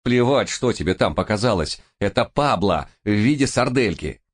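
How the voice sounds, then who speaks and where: Man playing a fed-up young reporter, raised and emphatic, deep voice pushed up high. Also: animated, a little slow. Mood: exasperated. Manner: shouting, exasperated, emphatic.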